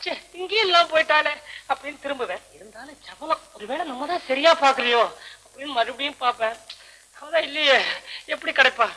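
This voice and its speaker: An actor playing a hot-headed young man who shouts and demands answers, in 1940s film acting style. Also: very high-pitched, a little fast, full character voice, poor audio. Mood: weary. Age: young adult.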